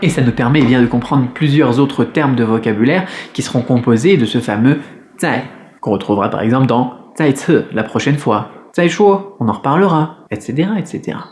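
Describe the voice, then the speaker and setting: A man teaching a beginners' Mandarin lesson in French, patient and clear, repeating each sound slowly. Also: medium pitch, lively intonation, darkish tone, a little hiss or hum. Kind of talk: video lesson.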